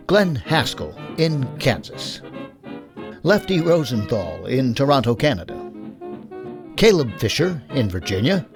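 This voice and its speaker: A man from the United States giving a scripted sign-off to listeners as host. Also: mid-range voice. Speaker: host, director and producer. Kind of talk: scripted sign-off addressed to the audience.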